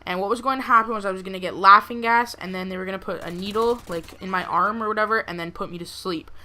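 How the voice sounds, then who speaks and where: A young woman talks casually, as in a personal gameplay commentary. Her voice is bright and sharp-edged, at an average pitch for a woman. She rambles through her story with plenty of conversational filler. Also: steady tone, quick pace. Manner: rambling, frequent "like" and "you know". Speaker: gameplay video creator.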